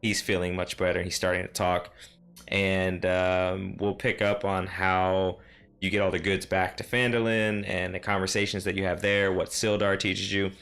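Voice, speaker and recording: A man's voice: low-pitched, flat delivery, normal speed, fairly bright tone, clean tone. A man serving as game master, casually recapping a tabletop session in a rambling, self-correcting way.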